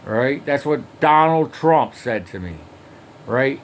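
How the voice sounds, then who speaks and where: A man with a medium-pitched, lively voice tells a rambling first-person story at a slow pace, over slight background noise. He swears constantly, fills gaps with fillers, and keeps restarting his sentences.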